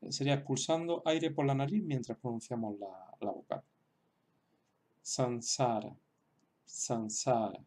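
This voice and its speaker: A man teaching a lesson over on-screen writing, speaking hesitantly with many fillers and repeated words, and sounding out example words slowly and carefully. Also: mid-range voice, animated, a little mellow. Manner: slow, careful example pronunciations.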